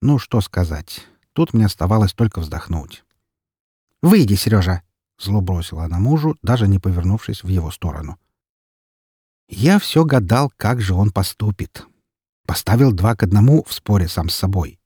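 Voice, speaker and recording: A man narrating an audiobook in the first person, in a calm, dry and ironic manner. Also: low-pitched, normal speed, slightly rough, dry recording.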